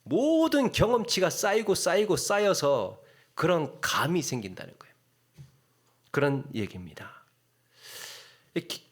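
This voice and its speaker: A middle-aged man preaching a sermon as a pastor, telling a story with sudden hushed drops and sharp rises for emphasis. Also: mid-range voice.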